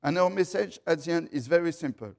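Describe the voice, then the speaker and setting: A man's voice: fairly high pitch, expressive, a little fast, creaky, darkish tone. A man giving a conference panel speech, hesitant, with many fillers and repeated words.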